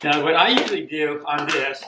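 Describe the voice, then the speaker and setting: An older man from Costa Rica giving a plain, unhurried home cooking demonstration, repeating himself now and then. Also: a little high. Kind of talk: casual home cooking demo. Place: echoey home kitchen. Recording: echoey kitchen with clear background noise.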